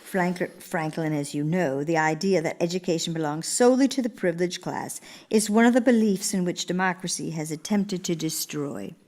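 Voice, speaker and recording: Playing a gracious, earnest elder First Lady for radio theater, this actress delivers monologue and dialogue formally and with theatrical emphasis. Her voice is lowish and darkish, close to everyday speech, moving at a moderate pace with hardly any pauses.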